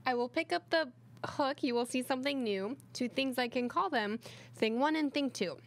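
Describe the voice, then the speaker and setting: A woman's voice: high voice, normal speed. A woman reads as a mischievous storybook tomcat. The cat is playful and breezy, speaking in reassuring singsong rhyme. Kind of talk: read-aloud children's storybook.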